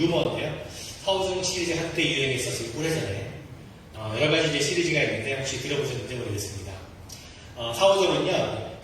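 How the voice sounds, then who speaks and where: A man's voice: mid-range voice, a bit bright, a little hiss or hum. A male pastor delivering a sermon in a church sanctuary, earnest and asking the congregation rhetorical questions. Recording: echoey hall from far off.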